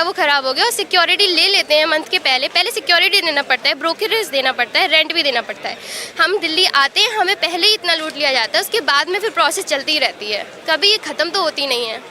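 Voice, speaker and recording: A woman's voice: extremely high pitch, lively intonation, fast, sharp tone. A young woman from Uttar Pradesh, an exam aspirant giving a street interview outdoors at a protest, talking earnestly and upset in long runs. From Uttar Pradesh, India. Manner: earnest, upset, speaks in long runs mixing English words.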